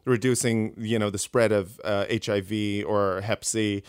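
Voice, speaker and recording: A comedian guest in a casual interview, rambling with many fillers and restarts. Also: male voice, lowish voice, flat delivery, unhurried, smooth, dry recording, studio quality.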